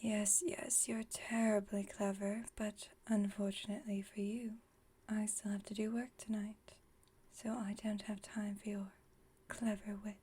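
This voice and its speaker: In this intimate ASMR monologue, the woman plays a wry, standoffish vampire friend who secretly cares. Her breathy, soft mid-range voice stays fairly level in pitch, and she speaks dryly, teasingly and slowly, in a wry, gently comforting mood.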